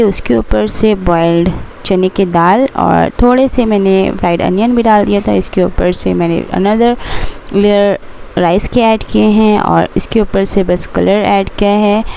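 A woman's voice: mid-range voice, creaky, dark tone, a little hiss or hum. A young woman chatting through her home cooking steps in a casual voice-over, explaining each step as she goes. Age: young adult. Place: home kitchen.

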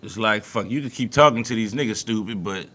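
New orleans guy cohosting a sports podcast, bright punchy voice, cusses a lot, loose and emphatic. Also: on the low side, fast talker, husky. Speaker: podcast co-host. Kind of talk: casual sports talk.

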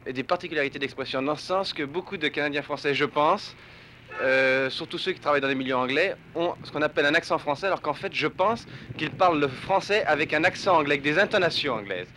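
A man from France with a French accent, giving articulate, measured answers to a street interviewer outdoors. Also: on the high side, pushed and bright. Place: outdoors on a street near a university. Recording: 1967 archival street recording with noise.

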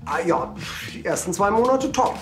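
A boastful middle-aged father with a brash, chummy way of talking. His voice swings widely in pitch as he bragsn and loud music plays underneath. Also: sing-song, normal speed. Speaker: visiting father. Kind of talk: sitcom acting. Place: barbershop set. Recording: music bed under dialogue.

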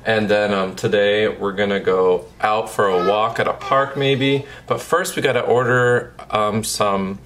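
A dad chats loosely into a handheld camera inside his home, relaxed and wandering from topic to topic. He speaks in a lowish voice, unhurried and with few pauses, while the echoey room carries noticeable background noise.

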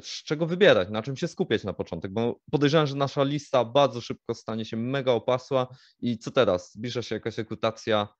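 A man co-hosting a vlog, asking measured follow-up questions in a casual talk. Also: mid-range voice, no room sound, highs cut off. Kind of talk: casual conversational Q&A.

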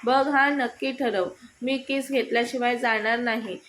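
A woman's voice: on the high side, steady tone, unhurried, fairly bright tone, slight background noise. A woman reading aloud, voicing a playful, teasing young husband in a storybook romance. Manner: coaxing, teasing.

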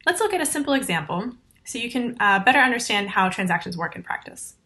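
A woman in her thirties giving a recorded conference talk over slides, explaining technical steps clearly and methodically into a laptop mic. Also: on the high side, very animated, quick pace, pushed and bright. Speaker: conference presenter.

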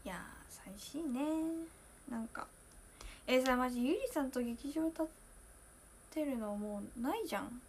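A young woman in her twenties, chatting casually on a solo livestream, emotional and talkative, moving from loud bursts to hushed asides. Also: a little high, normal speed, pauses often, slight background noise. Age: 20s. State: near tears at times. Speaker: idol streamer.

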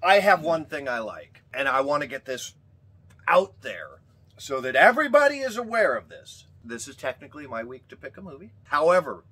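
A man's voice: fairly high pitch, normal speed, breathy edge. An American man co-hosting a movie review podcast, ranting casually and swearing a lot. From United States. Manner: ranting, profane, animated. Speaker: podcast co-host.

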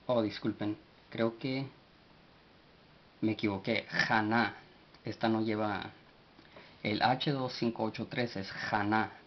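A man teaches vocabulary in a slow, measured way, spelling each word out letter by letter and stopping often to search for the next one. His voice sits fairly low. The recording is dull and lo-fi, with a faint hiss underneath. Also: steady tone. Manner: spells words letter by letter, halting with fillers. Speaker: language teacher. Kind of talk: slow spoken vocabulary lesson.

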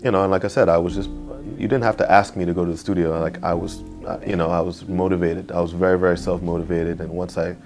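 A man's voice: deep voice, gravelly. A young man from Nigeria, a music producer, talking casually in an interview in a music studio, often saying "you know". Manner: relaxed, fills pauses with "you know".

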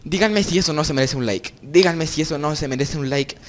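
Young guy hyped up narrating his match, kinda high voice, says everything three times. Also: a little fast, slight background noise. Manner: excitable, repeats phrases over and over. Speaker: gaming channel host. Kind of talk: excited gameplay commentary.

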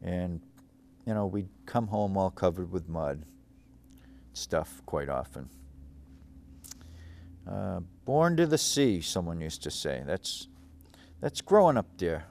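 Deep-voiced man rambling through local memories. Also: sing-song, slow pace, creaky, long pauses, a little mellow, slight background noise. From Cape Cod, Massachusetts. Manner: meandering, reflective, many fillers and restarts. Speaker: local show host. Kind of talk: rambling local-history monologue. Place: small studio set, seated at a desk.

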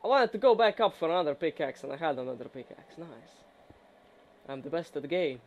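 Young man, gamer, teasing, joking, somewhat high voice, casual co-op chat. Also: expressive, fast, dull audio.

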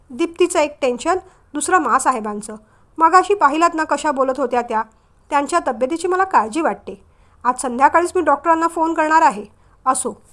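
A woman voicing a stern, protective elder brother who speaks sharply. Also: sits high. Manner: sharp, scolding.

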